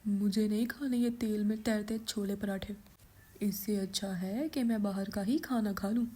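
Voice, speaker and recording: A woman voicing a grumpy, sharp-tongued member of the household. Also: medium pitch, normal speed, slightly rough, close to an everyday voice. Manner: grumbling, insulting.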